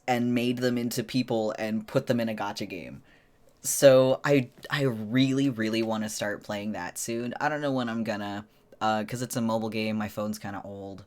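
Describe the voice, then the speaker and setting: A man with a fairly low voice, chatting as a streamer on a casual livestream. His delivery is informal and rambling, with loose, conversational phrasing. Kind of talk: casual solo livestream chat.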